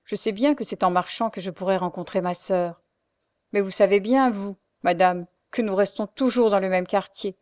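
A woman voicing a meek, mistreated blind young woman who pleads softly and slowly through tears. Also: medium pitch, no room sound, studio quality, natural voice. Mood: pleading. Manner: soft, slow pleading. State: sobbing, tearful. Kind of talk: audiobook character reading.

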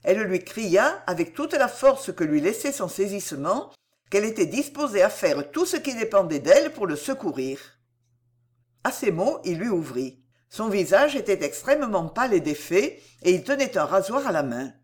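Audiobook narrator, measured literary reading, lively intonation. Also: mid-range voice. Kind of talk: scripted narration.

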